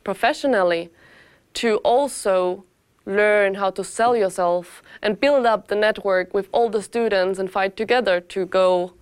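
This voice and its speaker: A 25-year-old woman from Austria, giving an earnest student testimonial and pausing to rephrase. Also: medium pitch, smooth, no room sound. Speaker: master's student.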